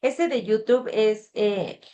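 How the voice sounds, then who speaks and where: A woman's voice: mid-range voice, slow pace, warm tone, dull audio. A woman tutor, talking casually to her class over a video call, with frequent fillers. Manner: conversational, reads the chat aloud, filler "este". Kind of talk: online class session.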